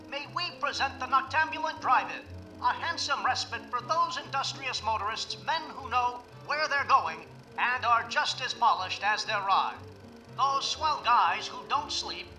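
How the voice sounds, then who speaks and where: Old newsreel announcer, 1930s style, brisk, showy, very high voice, faint music behind. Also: male voice, pushed and bright, full character voice, poor audio. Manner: brisk, showy promotional delivery.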